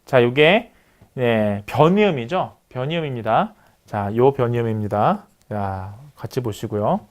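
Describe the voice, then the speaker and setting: A man's voice: mid-range voice, expressive, a little slow. A middle-aged male lecturer explaining step by step while writing on screen, with many filler words. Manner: writes on screen while talking. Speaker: university lecturer. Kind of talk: recorded online lecture.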